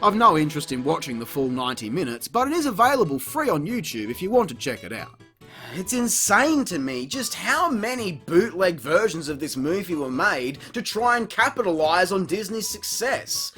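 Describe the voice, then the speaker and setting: A male video reviewer and host delivers scripted comedic review commentary, sounding sarcastic, exasperated and sweary. His high voice swings widely in pitch at a moderate pace, with a bright, forceful tone. Music plays behind him.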